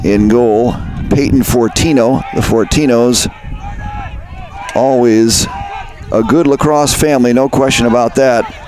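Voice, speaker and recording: A man doing live play-by-play commentary for a high school lacrosse game, chatty and conversational, often correcting himself. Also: fairly even intonation, a little slow. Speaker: play-by-play announcer. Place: outdoor high school field.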